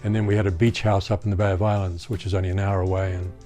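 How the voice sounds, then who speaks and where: A man's voice: deep voice, little pitch movement, rapid-fire, mellow, soft background music. A man in his seventies with a New Zealand accent, fondly recalling his childhood in an interview. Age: 70s. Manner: fond, reminiscing with fillers. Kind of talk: documentary interview.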